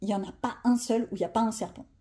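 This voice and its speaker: A woman's voice: a little high, steady tone, racing, warm tone, husky. A woman chatting casually to her viewers while she colors, thinking aloud and joking about herself. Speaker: coloring vlogger.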